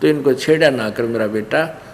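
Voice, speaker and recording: A man's voice: medium pitch, moderate pace, darkish tone, lightly acted. A man with a Haryanvi accent voicing a poor village mother who pleads to protect her son, in a reverberant hall with faint noise. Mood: pleading.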